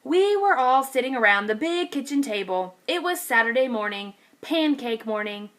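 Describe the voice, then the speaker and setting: Lively woman reading a picture book to kids. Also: fairly high pitch, moderate pace. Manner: lively, expressive reading to young children. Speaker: kindergarten teacher. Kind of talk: read-aloud storytelling for children.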